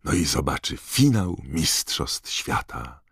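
A man narrating a storybook audiobook in a steady, expressive reading. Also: rumbling low, slow, vocal fry, slightly rough, dry recording, clean studio sound.

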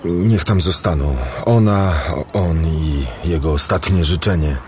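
An actor playing a calm, wise male elf who speaks in a measured way. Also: low-pitched, slight background noise.

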